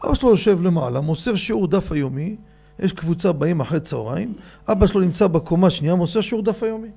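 A man giving a rabbi's storytelling sermon, animated and addressing his audience directly. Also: sits high, gravelly.

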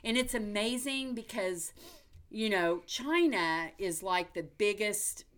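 A woman's voice: medium pitch, lively intonation, takes it slowly, a bit bright. An American woman hosting a casual movie news chat in an upbeat, chatty, folksy way. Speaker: movie podcast host.

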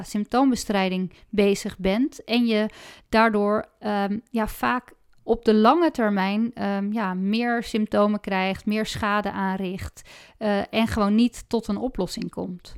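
A woman's voice: medium pitch, clean tone. A woman in her thirties, a health coach from the Netherlands, explaining her work earnestly with frequent hesitations in a podcast interview. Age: 30s.

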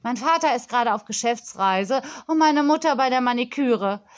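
Brief: woman playing a spoiled rich girl of ten for a storybook, high and loud, prim and demanding. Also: animated, moderate pace, natural voice.

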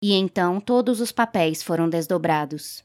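A woman reading a short story aloud in steady, clear narration. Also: on the low side, normal speed. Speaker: reader.

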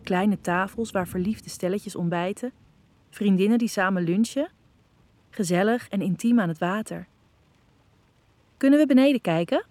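A woman narrating a first-person erotic audio story, calm and intimate. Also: mid-range voice, moderate pace, dry recording.

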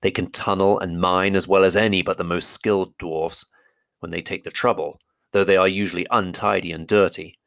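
A man with a very low voice that still has a bright, forceful edge, reading aloud in a steady, measured way. The sound is dry and close, with almost no room around it. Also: vocal fry, no room sound. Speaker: narrator. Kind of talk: audiobook reading.

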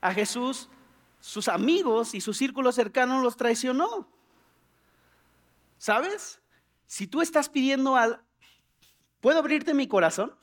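Animated pastor preaching. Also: male voice, unhurried, long pauses. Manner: animated, acts out prayers in a higher pleading voice, humorous asides. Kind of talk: sermon.

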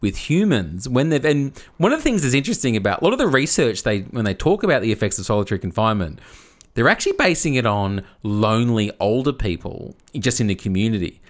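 A man's voice: mid-range voice, very animated, fast. A man co-hosting a casual podcast, explaining a topic at length, often restarting and repeating words as he goes. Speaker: podcast co-host.

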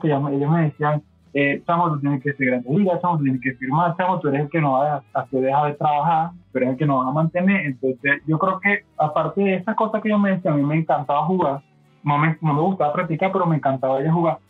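A Venezuelan man speaks as a podcast guest, rambling through his story and restarting often. His voice sits a bit high and comes through a thin, phone-like line with faint music underneath. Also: fast talker, breathy edge. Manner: rambling, many fillers and restarts. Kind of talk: casual interview storytelling.

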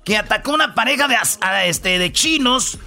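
A Mexican man hosting a radio show, with a very high, bright and piercing voice. He tells stories in a rowdy, joking way, full of slang, and keeps putting on voices. Faint music plays behind him. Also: animated, moderate pace, vocal fry. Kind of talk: comedic radio banter.

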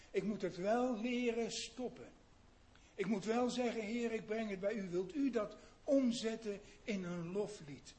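A man with a fairly high voice preaches a sermon at an unhurried pace. He asks his listeners questions. He moves from quiet, low passages to loud, emphatic ones. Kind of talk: sermon on a psalm.

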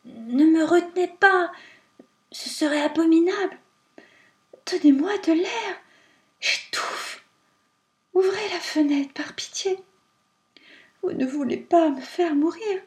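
A woman's voice: very high-pitched, slow pace, long pauses, echoey room, pitched above the performer's own voice. A woman voicing a weakened male wind spirit, pleading and breathless in a storybook tale.

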